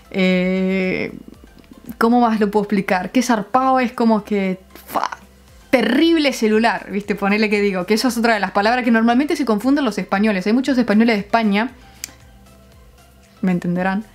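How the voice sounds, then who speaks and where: A young Uruguayan woman vlogging casually, explaining her slang with frequent laughs and pauses to find the right words. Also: medium pitch. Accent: Uruguayan Spanish. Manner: chatty, laughs often, searches for words.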